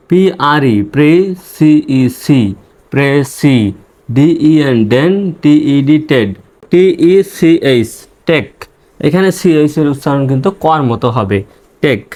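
A man teaching English reading, spelling words letter by letter and sounding out each syllable slowly. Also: mid-range voice. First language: Bengali. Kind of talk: spelling-out pronunciation lesson.

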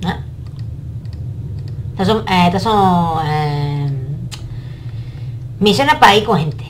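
A woman's voice: lowish voice, lively intonation, slow pace, a little hiss or hum. A woman, commenting casually on a game as she plays and playfully teases its characters. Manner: playful, teasing game characters, laughing often. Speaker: gamer.

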